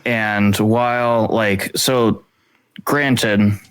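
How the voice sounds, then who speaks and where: A man's voice: fairly low pitch, fairly even intonation, drawn-out words, a bit bright, clear, resonant tone. A man co-hosting a podcast, talking casually about a book in a rambling way, with lots of fillers and easy laughs. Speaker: podcast co-host.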